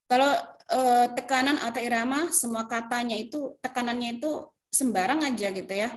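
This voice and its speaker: A woman's voice: fairly high pitch, normal speed. A woman English teacher patiently explaining an assignment and its grading step by step, with many fillers and self-corrections. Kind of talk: recorded online class explanation.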